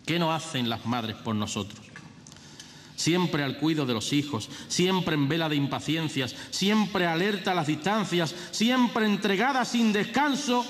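A man's voice: a little high, a bit bright. A middle-aged man declaims religious verse as a festival orator, solemn and theatrical, like a proclaiming herald. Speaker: festival orator giving a Holy Week proclamation. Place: large theatre stage. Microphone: lectern microphone. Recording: echoey theatre hall, noticeable hiss.

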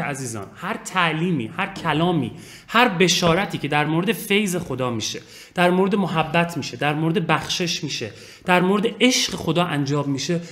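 Man, preacher, sermon, emphatic repetition, somewhat high pitch. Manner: earnest, repeats phrases for emphasis, addresses listeners as dear ones.

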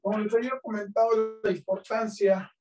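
With music in the background, a Mexican Spanish-accented man shows off teaching materials in a classroom-style demo. His voice sits high, his tone stays level, and his pace is moderate. He is patient and keeps checking in with listeners through frequent rhetorical questions.

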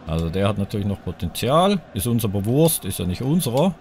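A man commenting his football video game as he plays, his pitch leaping up and dropping down as the play swings back and forth. He reacts loudly to near misses and speaks straight to his viewers. A faint hiss sits under the voice. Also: fast. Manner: excitable, groans and cheers at each chance, talks to viewers. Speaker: gaming YouTuber playing a football video game. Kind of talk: live let's-play commentary.

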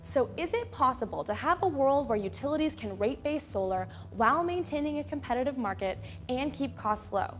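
A young woman hosting a scripted explainer in a studio, speaking clearly and upbeat into a lapel mic. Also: high-pitched, expressive, fairly quick, hardly any pauses, faint music behind. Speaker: host. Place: studio with a plain gray backdrop.

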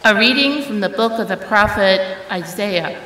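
A woman gives a formal scripture reading in a solemn, deliberate way. She takes her time at a middle pitch, and the church carries a long reverb around her voice. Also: animated, sharp tone. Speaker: scripture reader. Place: large church, indoors.

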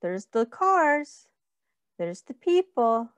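With a high, highly animated voice, a middle-aged early childhood teacher reads a picture book to little ones, speaking slowly in simple phrases and pausing for questions. The recording is close, dry, and clean-toned with no room sound.

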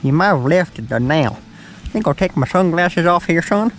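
A man's voice: fairly high pitch, expressive, moderate pace, slight background noise. A man with a Southern accent hosting a fishing show, chatting in a folksy, joking way from a boat on a lake. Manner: folksy, joking, calls his buddy "son". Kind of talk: casual chat while fishing.

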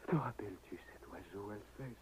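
An actor playing a grieving husband in a 1960s radio drama, swinging from hushed pleading to anguished cries. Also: male voice, medium pitch, big pitch swings, measured pace. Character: grieving husband Admette, desperate and self-reproaching. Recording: muffled old radio recording, faint hiss.

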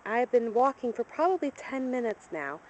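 A woman's voice: on the high side, sing-song, moderate pace, muffled recording, a little hiss or hum. A woman narrating a guided tour as she walks outdoors through a cemetery, recorded on a handheld camera. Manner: informative, walking and pointing things out. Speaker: travel vlogger. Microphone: handheld camera mic.

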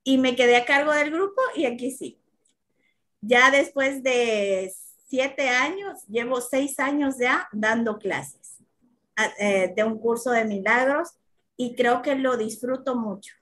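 A woman's voice: fairly high pitch, takes it slowly, a bit bright. A woman with a Central American Spanish accent, a course teacher sharing her personal story earnestly in an interview, laughing readily.

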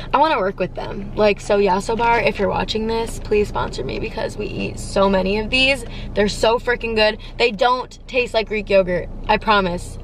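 A woman's voice: medium pitch, slight background noise. A young woman vlogger in bubbly, casual chat, talking to a dashboard camera from a parked car. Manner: bubbly, chatty, animated hand gestures. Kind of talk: casual grocery haul chat.

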